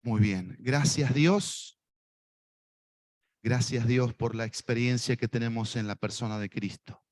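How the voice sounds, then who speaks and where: A man with a Rioplatense Spanish accent preaches an evangelistic sermon and leads listeners in prayer, appealing to them directly with fervent repetition. His medium-pitched, darkish voice has fairly even intonation and a normal speed, recorded at studio quality with no room sound.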